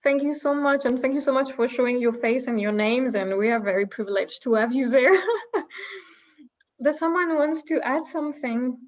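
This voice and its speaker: A woman's voice: high-pitched, normal speed. A woman hosting a casual online group discussion, upbeat and thanking participants, with frequent restarts. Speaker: host. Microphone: video call. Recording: dull lo-fi video call audio.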